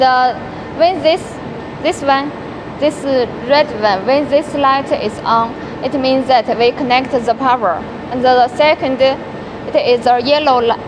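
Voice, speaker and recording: A young woman in her twenties presenting a welding machine, talking haltingly with many restarts. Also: sits high. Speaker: product presenter. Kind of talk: product demonstration in English. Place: large factory workshop. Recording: noisy factory floor.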